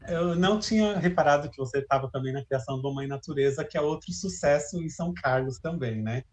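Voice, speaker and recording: A man's voice: a little high, a little fast. A man, interviewing in an informal, conversational way with hesitant phrasing.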